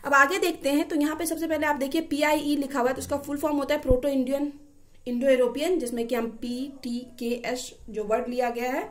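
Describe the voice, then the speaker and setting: A woman teaches a language lesson in a bright, high voice. She reads each English phrase slowly and carefully, then explains it in her own words. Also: steady tone.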